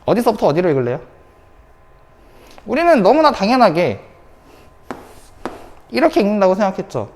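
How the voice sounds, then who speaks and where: A woman's voice: medium pitch, sing-song, moderate pace, long pauses, darkish tone, in a large hall. A woman teacher giving an online science lecture, repeating key points and asking the class rhetorical questions. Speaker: high school science teacher.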